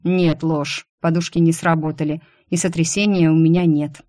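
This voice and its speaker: A woman reading an audiobook, voicing a male boss who teases and mocks, sometimes shouting. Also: fairly high pitch, little pitch movement, normal speed, close to an everyday voice. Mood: teasing. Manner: mocking, playfully teasing, bursts into yelling. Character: teasing, mocking male boss, quick to shout.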